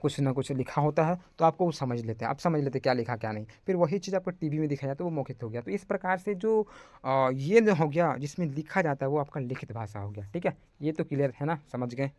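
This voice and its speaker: A man's voice: on the high side, expressive, fast talker, a little mellow, no echo. A young man teaching an online class in a casual, chatty way, often calling his listeners friends.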